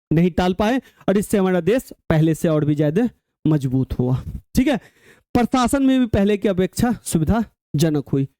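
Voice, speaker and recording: A man's voice: high-pitched, warm tone, no room sound, clean studio sound. A man teaching a class lesson, often asking students whether they have understood. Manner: keeps checking students follow with rising questions. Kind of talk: classroom lecture.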